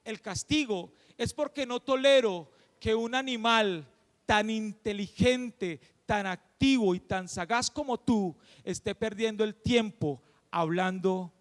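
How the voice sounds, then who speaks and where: A man voicing a calm, wise male lion king in a spoken fable, who speaks in a measured, grave way. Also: high voice, in a large hall.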